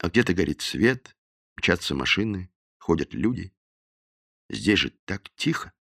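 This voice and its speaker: Man reading an audiobook, very lively pitch, bright forceful voice, dry close sound. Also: measured pace, vocal fry, no echo. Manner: expressive, dramatic reading. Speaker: audiobook narrator. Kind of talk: scripted narration.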